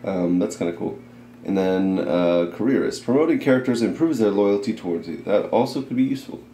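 A man's voice: fairly low pitch, lively intonation, brisk, dark tone, slight background noise. A man giving casual gameplay commentary, swearing and laughing easily. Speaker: let's play co-host. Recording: echoey room, faint game music.

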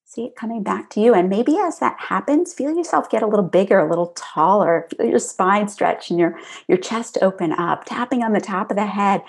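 A middle-aged woman leading a guided tapping exercise, speaking calm, soothing instructions and affirmations. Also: on the high side, gravelly, breathy edge. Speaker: tapping practitioner guiding a session.

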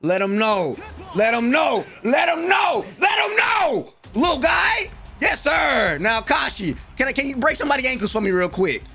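A young adult man hosts an anime reaction from a small room at home, giving excited live commentary into a close desk microphone. His voice is high-pitched, shouty and gravelly at a normal pace. He's animated and slangy, full of hyped exclamations.

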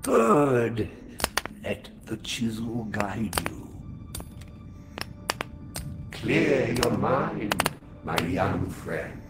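Slow, deep old mystical mentor. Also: male voice, sing-song, exaggerated voice. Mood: solemn, guiding. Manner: measured, solemn, instructing. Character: old mystical mask-maker mentor, patient and solemn. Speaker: game tutorial guide. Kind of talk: theatrical game narration. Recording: echoing, with game music behind.

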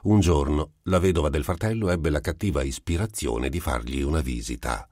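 A man reading a literary audiobook with measured, expressive phrasing. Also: extremely low pitch, dry recording, clean studio sound. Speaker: audiobook narrator.

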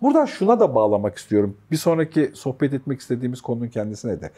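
A man's voice: mid-range voice, sing-song, rapid-fire, warm tone. A man co-hosting a talk show, reflecting and building arguments in casual chat. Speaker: co-host.

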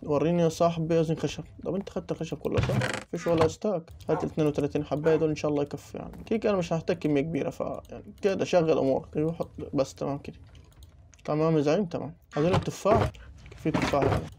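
Rapid-fire Egyptian man gaming. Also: a little high, fairly even intonation, noisy background. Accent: Egyptian Arabic. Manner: rapid chatter, joking insults at game animals. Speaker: gaming YouTuber. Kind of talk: casual Minecraft let's play commentary.

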